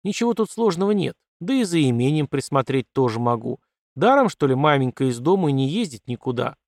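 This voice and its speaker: A man voicing a bold, quick-tongued young woman, a colonel's daughter, in a defiant, mocking manner in a dry recording. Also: mid-range voice, big pitch swings, darkish tone, no room sound. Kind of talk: audiobook character voice.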